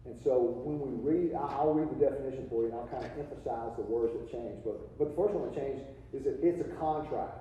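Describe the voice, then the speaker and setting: Male presenter, dark tone, loose and joking, recorded from afar in a reverberant hall. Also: mid-range voice. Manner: informal, joking, many restarts and asides. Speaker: accounting seminar presenter. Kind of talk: live continuing-education lecture. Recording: echoey hall, distant mic, dull lo-fi.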